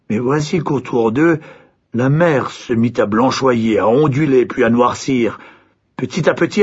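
A man reads a fairy tale aloud with expressive, dramatic pacing. His voice is mid-pitched and markedly husky, almost breathy. The recording is dull and lo-fi. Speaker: narrator. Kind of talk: storybook narration.

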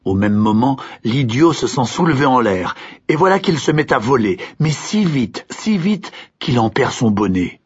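A man narrates a fairy tale with a lively, swooping pitch. His voice is husky and slightly breathy, and the recording sounds dull and lo-fi. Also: normal speed. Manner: expressive, varied storytelling. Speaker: storyteller.

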